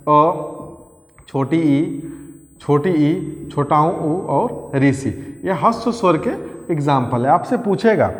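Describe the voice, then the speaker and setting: A male teacher giving an exam-prep grammar lesson, repeating key phrases and quizzing his pupils as he goes. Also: on the high side. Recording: echoey room with long reverb.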